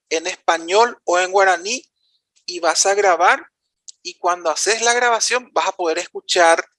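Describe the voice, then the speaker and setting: A man's voice: high-pitched, fairly bright tone, dry recording. Paraguayan man presenting at a conference. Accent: Paraguayan Spanish. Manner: informal, addresses audience with vos, explains step by step. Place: conference room.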